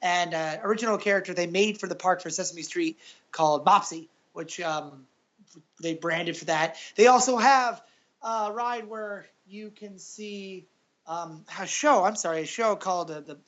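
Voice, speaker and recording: A man's voice: sits high, normal speed, fairly bright tone. Man, podcast guest, casual rambling chat, many fillers, muffled lo-fi audio. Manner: rambling, full of uhs and restarts.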